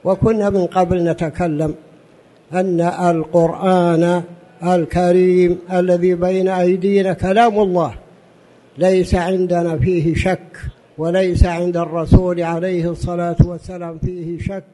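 A man giving a religious lesson in formal standard Arabic as a teacher, in a deliberate, didactic manner with repetition and rhetorical questions. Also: high-pitched, little pitch movement, warm tone. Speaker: religious teacher addressing a study gathering.

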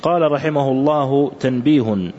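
A man reading aloud a classical religious commentary for a teacher, in a measured, careful recitation. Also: mid-range voice, darkish tone. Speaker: student reading the text aloud. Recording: dull lo-fi recording.

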